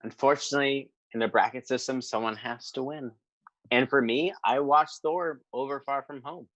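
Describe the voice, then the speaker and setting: A man co-hosting a casual podcast debate, measured and thoughtful in his reasoning. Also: medium pitch, fairly even intonation, a bit bright, no room sound. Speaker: podcast co-host. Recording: dull lo-fi mic.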